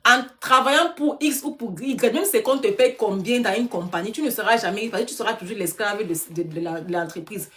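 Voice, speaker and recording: A woman coach on a live stream, exhorting her viewers directly and dropping English phrases into her preachy sales pitch. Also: brisk, few pauses, fairly bright tone. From Africa. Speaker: online business coach.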